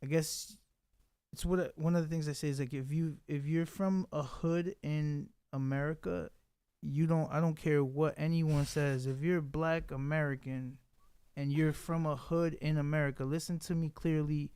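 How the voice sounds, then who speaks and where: A man's voice: a little high, fairly even intonation, normal speed, dark tone, clear, resonant tone, dry recording. A man from the Dominican Republic hosting a podcast interview, rambling emphatically with many fillers. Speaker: podcast host. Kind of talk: casual interview chat.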